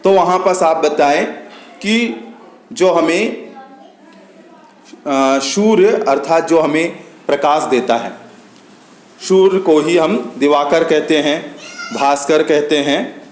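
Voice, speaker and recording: A man with an Indian accent explains grammar to students, going slowly and patiently and repeating each point. His voice sits high for a man. The sound echoes around the room. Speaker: teacher.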